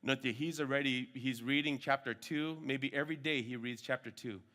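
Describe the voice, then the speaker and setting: Leading an informal Bible discipleship workshop, a man speaks at a moderate pace with a medium-pitched, steady voice that is bright and forceful. He often checks in with short tags such as "okay" and "right," and he sometimes shifts between English and Hmong.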